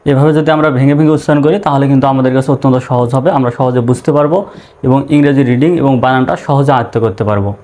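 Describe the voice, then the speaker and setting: A man's voice: medium pitch, steady tone, rapid-fire, a little mellow. A man with a Bangladeshi accent teaching English pronunciation, breaking long words into syllables and repeating each part patiently. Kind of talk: slow spelling-out pronunciation lesson.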